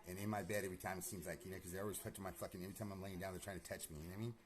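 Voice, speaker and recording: Fast-talking low-voiced man, profane and agitated. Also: fairly even intonation, crowd noise. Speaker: vlogger. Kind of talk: rambling personal monologue. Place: empty house being renovated.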